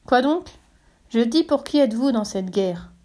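A woman's voice: fairly high pitch, animated, normal speed, mellow, voice pushed up, close to an everyday voice. A woman doing an earnest, indignant young boy. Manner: pleading, straining to be heard.

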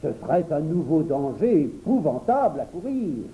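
A man's voice: a little high, very animated, moderate pace, dark tone, poor audio. A man doing a sarcastic teasing boy.

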